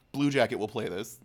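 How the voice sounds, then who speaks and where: A man co-hosting a casual podcast chat, laid-back and joking, with quick asides. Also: medium pitch. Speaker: podcast co-host.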